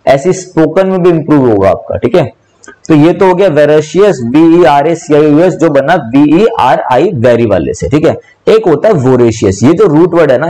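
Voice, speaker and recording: Man teaching vocabulary with a mellow voice. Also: mid-range voice, poor audio. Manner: explains with repetition, spells words out letter by letter; mixes English words into speech. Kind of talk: online vocabulary lesson.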